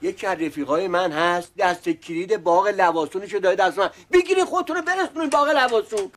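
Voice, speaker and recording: An actor playing an easygoing landlord father in a sitcom, calming everyone down and calling them son and dear. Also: high voice, faint music behind. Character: easygoing landlord father, older man, soothing. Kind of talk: sitcom acting.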